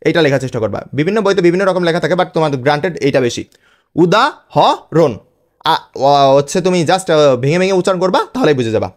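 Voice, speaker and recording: Man teaching pronunciation slowly. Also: fairly high pitch. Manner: explains slowly, spells out sounds, checks in with students. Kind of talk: classroom lecture.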